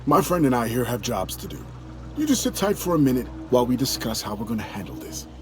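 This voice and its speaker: Man acting a smug male assassin, glib, condescending, breezy, medium pitch, music behind, video game. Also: big pitch swings, fast, natural voice. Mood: breezy, businesslike.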